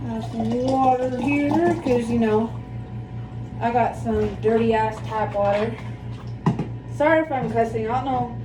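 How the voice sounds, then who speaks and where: A woman in her thirties with a fairly high voice and a lisp rambles casually through a hands-on vlog. She is apologetic and self-deprecating. The sound is echoey and a bit distant from the mic. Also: unhurried. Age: 30s. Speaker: plant vlogger. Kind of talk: casual, rambling chat while demonstrating. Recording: echoey room, distant mic, background music.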